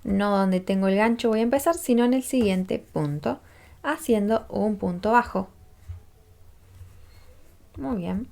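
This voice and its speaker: A woman's voice: mid-range voice, creaky, a little mellow. A woman, patiently teaching a crochet tutorial step by step and checking in with listeners as she counts rows aloud. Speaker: crochet instructor.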